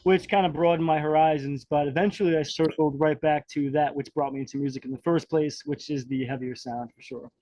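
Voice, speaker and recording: Brief: slightly higher-voiced male guest, wry joker, dry sound. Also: brisk, hardly any pauses, no echo, rough recording. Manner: relaxed, joking storyteller. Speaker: band member guest. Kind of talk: casual interview.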